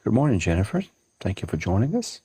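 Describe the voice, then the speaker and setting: Man, 40s, live-stream co-host: low, raspy, mellow, close and dry. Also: fast, dry recording. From central Alabama. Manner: calm, thanking viewers. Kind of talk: casual chat on a live stream. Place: outdoors on a home porch at dawn.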